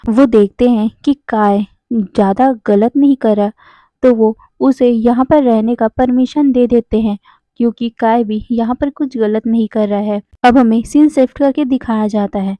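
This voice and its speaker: A woman's voice: on the high side, steady tone, measured pace, mellow, dry recording. A woman narrating a fan story in a casual, conversational way, now and then correcting herself.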